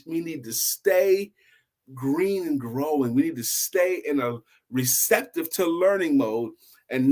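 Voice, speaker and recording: A man with a fairly high-pitched voice hosts a story show, telling a tale in a casual, animated, improvised way and repeating phrases for emphasis.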